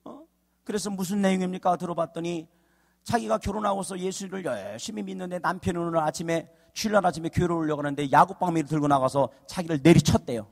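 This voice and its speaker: A man's voice: sits high, fast talker, gravelly. A man preaching a sermon as a guest pastor, telling a story and then rising to emphatic exhortations. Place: church sanctuary. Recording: long church reverb.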